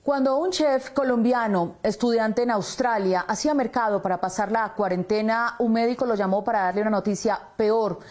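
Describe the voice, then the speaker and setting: A woman anchoring a television newscast, reading the news in a crisp, measured way into a studio microphone. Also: fairly high pitch, a little mellow.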